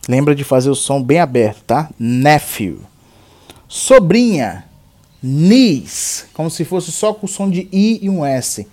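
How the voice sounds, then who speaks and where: A man with a Brazilian Portuguese accent teaching English vocabulary, slowly repeating each word for the learner to echo. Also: fairly high pitch, big pitch swings, darkish tone. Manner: slow, deliberate drilling of words and phrases. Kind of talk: language lesson with repeat-after-me drills.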